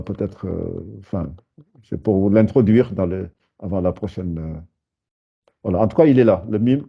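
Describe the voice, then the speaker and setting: A man leads a beginner class, patiently repeating and breaking words into syllables. His voice sits a little low. The recording is dull and lo-fi. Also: gravelly, breathy edge. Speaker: Arabic teacher. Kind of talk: live beginner language lesson.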